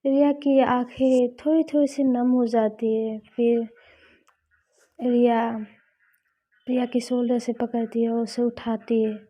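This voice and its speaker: Slow, flat-voiced woman narrating a romance. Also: on the high side. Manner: slow, flat storytelling delivery. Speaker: storyteller. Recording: slightly dull lo-fi recording.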